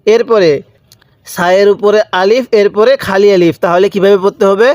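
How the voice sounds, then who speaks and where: High-voiced man teaching letter sounds. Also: steady tone, a little mellow. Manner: drawn-out syllables, repeats letter sounds for the viewer to echo. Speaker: Quran reading teacher. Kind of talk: step-by-step recitation lesson.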